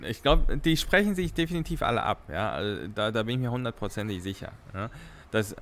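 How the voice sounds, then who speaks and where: A man's voice: on the low side, animated, brisk, a bit bright, a little hiss or hum. A man giving casual news commentary as a streamer, rambling with many fillers, restarts and tag questions.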